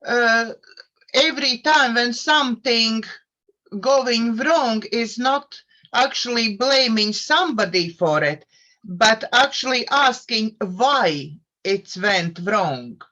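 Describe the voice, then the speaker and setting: A woman hosting an interview who speaks haltingly, searching for her words as she poses reflective questions. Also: a little high, lively intonation, sharp tone. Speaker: interview host. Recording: dull lo-fi audio.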